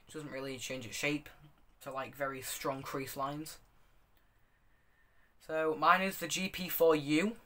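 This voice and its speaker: A young man talks off the cuff in a slightly high voice. He rambles through a casual hands-on review, often correcting himself as he goes. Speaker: hobbyist video reviewer. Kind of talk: casual unscripted product review.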